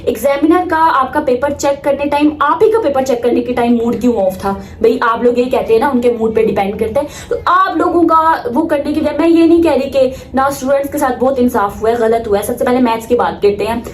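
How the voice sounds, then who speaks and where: This vlog features a Pakistani woman in her late teens talking casually to viewers in a high voice. Her tone stays steady as she speaks fairly quickly with few pauses, emphatic and opinionated, slipping in English phrases; the room sounds roomy and faint noise lingers behind her.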